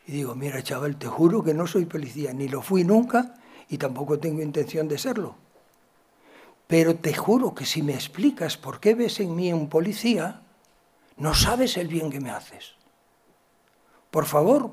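A man from gives a talk, telling stories from his work as a psychologist and acting out the dialogue with big swings in loudness. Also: fairly high pitch, husky. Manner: animated, acts out dialogue with shifts in loudness. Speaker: psychologist and educator giving a talk. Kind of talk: storytelling lecture.

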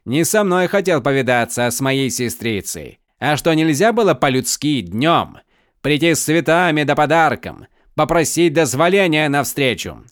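Picture a spoiled young count who is used to getting his way, shrieking insults and threats from his chair, as a man acts him out. The voice sits high and loud, sneering one moment and bellowing the next. The recording is dry and close. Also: expressive, normal speed, dry recording, natural voice. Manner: shrill shouting, domineering. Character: young male count, spoiled, shrill, hot-tempered.

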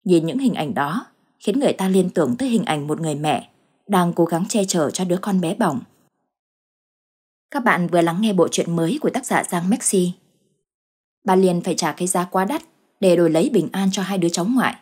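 Low-voiced woman narrating a ghost story. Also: lively intonation, fairly quick, darkish tone, husky.

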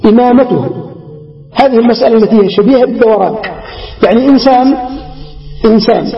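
A man teaching a religious text in a measured, deliberate way, asking questions and answering them himself. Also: very high-pitched. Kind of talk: classroom lecture explaining a text. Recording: echoey hall, dull lo-fi sound.

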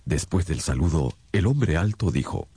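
Very deep-voiced, courteous doctor. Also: male voice, sing-song, normal speed, warm tone, breathy edge, no room sound, heavily acted. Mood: measured narrating. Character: courteous male doctor, loyal companion and narrator. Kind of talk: radio drama acting and scripted narration.

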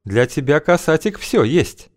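A man narrating an audiobook takes on the role of a bold, scheming older woman matchmaker, sounding languid, teasing and coaxing. His voice sits fairly high, above his own natural pitch, with big swings in pitch and a measured pace.

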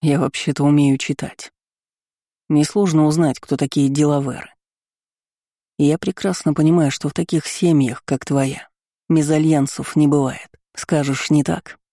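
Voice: medium pitch, fairly even intonation, moderate pace, mellow, no echo, close to an everyday voice. A reader doing a cold, sardonic young man. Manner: mocking, cool and cutting.

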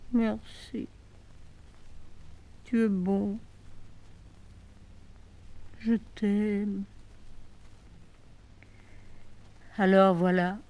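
Desperate abandoned lover, pleading. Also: female voice, medium pitch, mellow, dry recording. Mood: tender. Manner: halting, pleading, with sudden emotional swings. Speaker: actress in a one-woman play. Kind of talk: theatrical monologue on the telephone.

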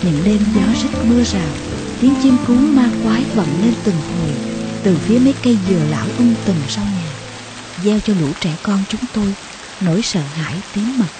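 A woman narrating a memoir audiobook in a slow, soft, emotional way, with passages dropping to a hush. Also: medium pitch, lively intonation, music in the background, rough recording.

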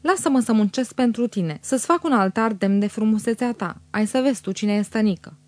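A woman's voice: fairly high pitch, dry recording, close to an everyday voice. A woman reading an audiobook, voicing a scheming young husband who pleads theatrically and pities himself. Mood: theatrical pleading. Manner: theatrical, self-pitying, wheedling. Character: fawning scheming young married man.

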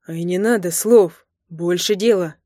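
A woman voicing a teasing, tender young man in an audiobook, speaking low and slow in a murmur. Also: dark tone, no echo, studio quality, natural voice. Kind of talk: audiobook character voice.

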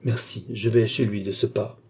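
A man's voice: lowish voice, little pitch movement, moderate pace, darkish tone, husky. A man reading an audiobook, voicing an earnest, proud young man in rags who pleads yet stays resolute.

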